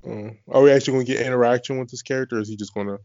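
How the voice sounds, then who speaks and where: A man's voice: mid-range voice, steady tone, very fast, a little mellow, no room sound. Joking man in dull lo-fi recording. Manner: joking, crude banter, laughs often. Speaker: co-host watching a TV show. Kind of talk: casual chat. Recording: dull lo-fi dry sound.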